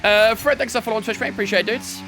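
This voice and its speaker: A man's voice: sits high, fairly even intonation, rapid-fire, over music. A young man streaming a racing game from his bedroom, chatting with viewers between laps. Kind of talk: casual live-stream chat while racing.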